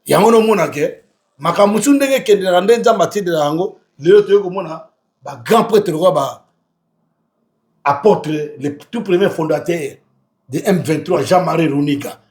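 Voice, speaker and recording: A man, a guest in an interview, talking with passion and rising to shouts when worked up. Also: fairly high pitch, normal speed. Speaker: guest, self-described resistance fighter and activist artist. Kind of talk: impassioned interview talk mixing two languages.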